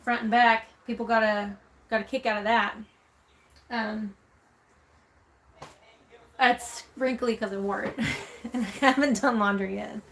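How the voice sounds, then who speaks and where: A woman's voice: fairly high pitch, fairly even intonation, measured pace, long pauses, fairly bright tone, slight background noise. A woman who grew up in Texas, speaking with a Texan accent, chatting casually on a live stream and reading viewer comments aloud with frequent "um"s. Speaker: vlogger reading live chat.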